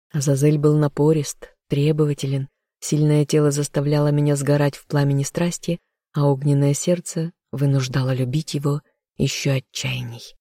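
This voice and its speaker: An audiobook narrator reading a first-person romance in an even, measured way on a close mic. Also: medium pitch, no echo.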